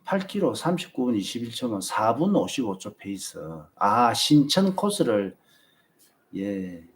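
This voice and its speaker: A man with a Busan Gyeongsang Korean accent hosts a marathon channel, chatting casually with viewers on a live stream and giving them advice. His mid-range voice is very animated and unhurried.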